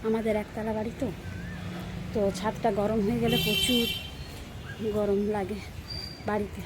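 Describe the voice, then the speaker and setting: Home vlogger, woman, muffled throaty voice, speaks softly and held back, noisy phone recording. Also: mid-range voice, little pitch movement, normal speed. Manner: soft, subdued talk, speaking with lips half closed. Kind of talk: casual daily-routine narration. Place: home and open rooftop.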